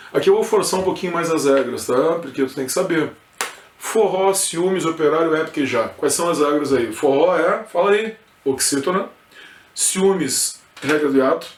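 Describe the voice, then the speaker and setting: A man with a southern Brazilian accent from Rio Grande do Sul, teaching an informal exam review lesson and often checking in with his students. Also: fairly high pitch. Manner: informal, peppered with checks like "correto?" and "tá?". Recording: echoey room.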